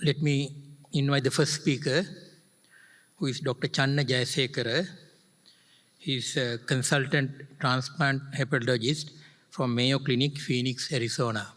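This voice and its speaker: A man's voice: mid-range voice, steady tone, measured pace, a bit bright. Male chairperson introducing a speaker in a hall. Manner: brief, hesitant, with "uh" fillers. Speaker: session chairperson. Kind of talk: formal introduction. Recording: conference hall with long reverb.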